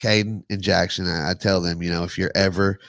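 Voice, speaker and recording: Low-voiced man in casual podcast banter. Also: fairly even intonation, fairly quick, a bit bright, no room sound. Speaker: podcast co-host with acting and comedy background.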